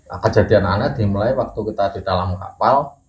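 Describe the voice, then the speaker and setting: A middle-aged man with a fairly low voice recounts an eerie experience in relaxed conversation. He takes his time, pausing between phrases. The room is echoey, with a faint hiss underneath. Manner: measured storytelling with pauses and occasional coughs. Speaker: guest storyteller. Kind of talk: casual chat, telling a ghost story.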